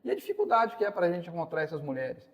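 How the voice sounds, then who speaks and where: A man's voice: high voice, huge pitch swings, fast talker, long reverb tail, highs cut off. A Brazilian man in his forties, a city councilman interviewed on a podcast, speaking casually and saying "cara" often. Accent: Brazilian Portuguese. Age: 40s.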